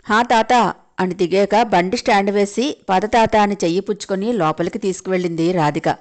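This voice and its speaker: A woman's voice: medium pitch, normal speed, a little mellow. A woman with a Telugu accent, narrating a family drama as a storyteller and lightly voicing each character in turn. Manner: voices each character lightly in quoted lines. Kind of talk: scripted audio story narration.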